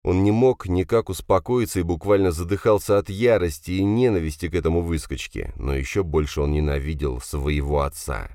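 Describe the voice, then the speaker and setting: A man reading an audiobook aloud as a steady, measured narrator. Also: low voice, dry recording, clean studio sound. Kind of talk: scripted narration.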